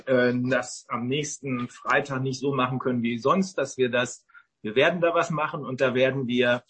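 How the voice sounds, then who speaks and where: A man in casual online talk, rambling and halting with many fillers. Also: mid-range voice, steady tone, a bit bright, husky.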